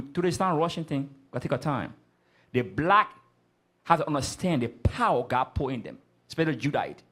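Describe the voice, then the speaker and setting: A man leading a scripture class, speaking emphatically and often stopping to prompt the reader. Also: a little high. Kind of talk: street-corner style Bible class teaching.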